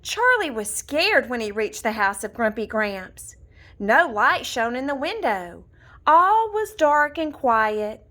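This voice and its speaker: A woman reads a scripted children's storybook aloud in an expressive, deliberate storytelling style, her voice on the high side.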